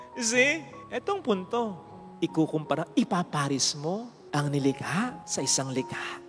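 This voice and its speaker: Priest giving an emphatic homily, high voice with lively swings, long reverb from a big hall. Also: male voice, slow, pauses often, music in the background. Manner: emphatic, preaching with rhetorical questions. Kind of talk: sermon.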